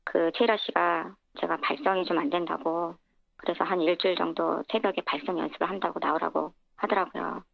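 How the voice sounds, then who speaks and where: Disguised, creaky woman on a phone line. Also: fairly low pitch, steady tone, brisk. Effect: voice disguised by processing for anonymity. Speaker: anonymous interview guest. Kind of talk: radio phone interview testimony. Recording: tinny, narrow-band radio phone line.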